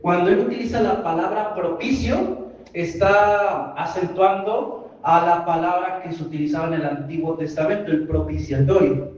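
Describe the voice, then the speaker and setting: Mexican male preacher, sermon, high-pitched, muffled distant recording. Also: steady tone, moderate pace, a little mellow. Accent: Mexican Spanish. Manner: explanatory, asks the congregation questions. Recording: distant, echoey hall, dull sound.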